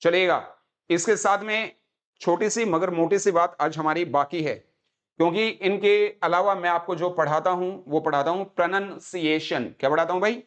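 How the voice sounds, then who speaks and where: Haryanvi guy teaching english online, highish voice, keeps asking kya bolte hain and repeating words. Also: moderate pace, fairly bright tone, smooth, lo-fi sound. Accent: Haryanvi-accented Hindi and English. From Haryana, India. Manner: repeats words and quizzes students with call-and-response; mixes Hindi with English phrases. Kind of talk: live online class teaching.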